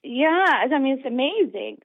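A woman's voice: sits high, expressive, moderate pace, breathy edge, dry recording. An American woman calling in to a talk show, speaking in a hesitant, earnest way over the phone. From United States. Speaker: caller. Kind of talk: phone-in conversation. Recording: tinny phone line.

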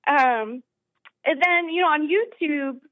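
An American woman phones in to a talk show, her high voice slow, hesitant and earnest. The tinny phone line carries no room sound.

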